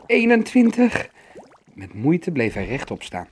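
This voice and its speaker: A man narrating a fairy tale in an expressive, storytelling manner. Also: medium pitch, unhurried, slight background noise.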